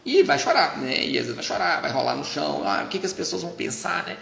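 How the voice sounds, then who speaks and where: A man's voice: fairly high pitch, animated, fast, creaky, fairly bright tone. A man with a Brazilian Portuguese accent, a pediatrician giving casual advice to parents in a chatty way, with many tag questions and restarts. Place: doctor's office. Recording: echoey room.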